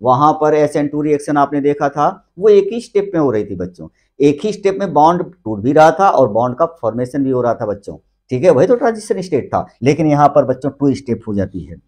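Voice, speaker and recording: A man's voice: on the high side, sing-song, brisk, a little mellow. A man teaching a chemistry class in Hindi with English terms mixed in, often addressing the students as children and answering his own questions. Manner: keeps calling the students "बच्चों"; repeats key terms with rising and falling emphasis. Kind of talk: classroom lecture.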